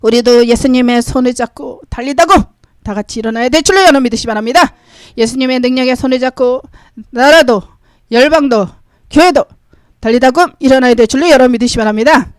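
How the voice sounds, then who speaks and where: A woman delivers a church sermon in a fairly high voice, reading scripture and questioning the congregation with frequent hallelujahs. Her delivery swings from loud calls down to near-whispers. The sound is dry and close, with little room. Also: fast talker, no room sound. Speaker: preacher.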